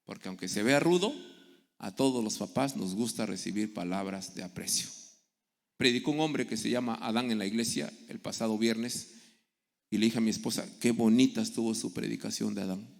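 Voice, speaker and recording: A man's voice: lowish voice, brisk, vocal fry. A middle-aged man preaching a sermon, telling stories and acting out the people in them. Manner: storytelling, acting out quoted voices. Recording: echoey hall with long reverb.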